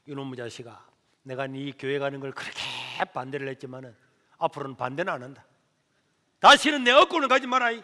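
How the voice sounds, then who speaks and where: A man voicing an angry older mother who scolds her son loudly. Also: mid-range voice, fairly even intonation, fast, voice pushed down, natural voice. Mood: grudging. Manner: shouting, scolding. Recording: echoey church hall.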